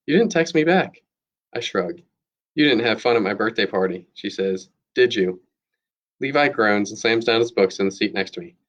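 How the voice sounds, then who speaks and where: A man, a teacher, reading a chapter book aloud in a steady, plain narration, on a dull lo-fi recording. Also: on the low side. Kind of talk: read-aloud storybook narration.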